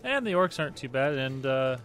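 A man's voice: mid-range voice, very animated, brisk, fairly bright tone. A man co-hosting a podcast in casual, easygoing banter with light role-play. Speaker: podcast co-host. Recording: faint background ambient noise.

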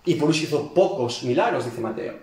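A man teaches a Bible class in a high, very lively voice. He acts out scenes and tosses rhetorical questions at his students. The room is echoey. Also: fairly quick, a little hiss or hum. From Galicia, Spain. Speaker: seminary teacher. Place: church classroom.

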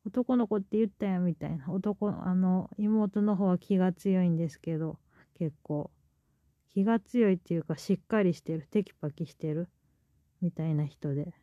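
A woman with a Kansai Japanese accent hosts her own podcast, retelling a story in a chatty, rambling monologue full of fillers. Her voice is lowish and her pace moderate, captured in a dry recording with phone-quality sound.

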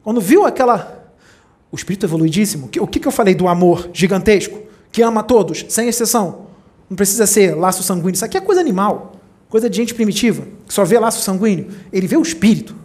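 Speaking to a small group, a spiritual teacher tells stories in a fast, animated way. He voices the people in them himself, leaping wildly up and down in pitch.

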